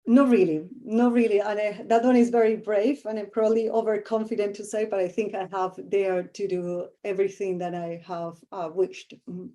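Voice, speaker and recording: A middle-aged woman with a Colombian Spanish accent, a professor, answers interview questions thoughtfully, searching for words and using many fillers. Her mid-range voice is mellow and steady, at a normal speed with hardly any pauses.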